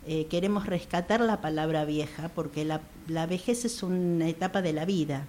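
Here the same sixty-something activist for older women, speaking Argentine Spanish, talks in a low, slightly mellow voice at moderate speed. She stays earnest and emphatic during the radio interview, repeating herself and hesitating often, with slight background noise behind her.

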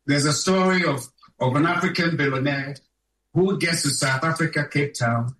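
A man's voice: a little high, normal speed, a bit bright. A man giving a public speech at a conference, emphatic and fond of rhetorical questions to the audience. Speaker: conference speaker. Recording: echoey room, distant from mic.

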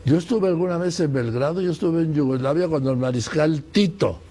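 In his seventies, a man with a fairly high, mellow voice conducts a casual interview, talking at a fairly quick pace. He keeps it conversational, prompting his guest with dates and bits of history.

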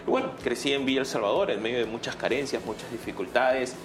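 A Peruvian man with a mid-range voice speaks fast as a guest, a political candidate answering interview questions conversationally with a Peruvian accent. He hesitates and tacks on tag questions, against clear background noise.

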